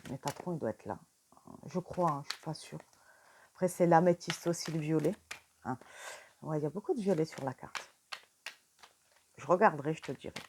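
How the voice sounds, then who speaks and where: Low-voiced chatty French woman. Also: normal speed, long pauses, darkish tone, a little hiss or hum. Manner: chatty, talks straight to the viewer, many fillers; whispers questions to the cards. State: tired. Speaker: tarot reader. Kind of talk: casual card reading to camera.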